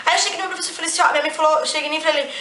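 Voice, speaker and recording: A young woman with a Brazilian accent chats animatedly as a vlogger, telling a personal story full of quick restarts and acting out quoted lines. Her voice sits high, with a little hiss or hum in the echoey room.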